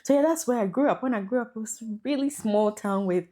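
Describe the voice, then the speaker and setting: A woman's voice: on the high side, quick pace. A woman from Ghana with a Ghanaian English accent, a researcher telling her life story as a podcast guest. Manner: warm, reflective storytelling with laughs. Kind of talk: podcast interview.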